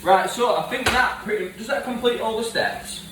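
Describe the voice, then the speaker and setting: A man chatting casually while cooking at home, jokey and quick to laugh. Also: very high voice. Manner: giggly, jokey, laughs often. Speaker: co-host of home cooking video. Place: home kitchen. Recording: echoey kitchen, mic far off, noisy.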